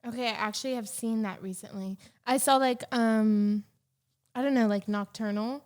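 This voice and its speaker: A woman's voice: fairly high pitch, fairly even intonation, moderate pace, darkish tone. A woman co-hosting a casual chat, blunt and teasing, swearing casually. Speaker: co-host.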